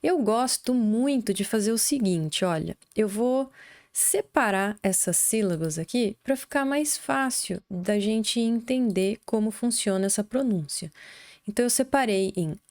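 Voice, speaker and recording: A young adult woman with a Brazilian Portuguese accent teaches an online English lesson in Portuguese, slowly sounding out English words one syllable at a time. Her mid-range voice is expressive and a little mellow.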